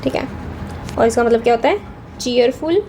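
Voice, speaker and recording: Chatty woman teaching vocabulary, slightly high. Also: animated, moderate pace, warm tone, slight background noise. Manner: chatty, checks in with frequent "theek hai". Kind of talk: casual Hinglish lesson.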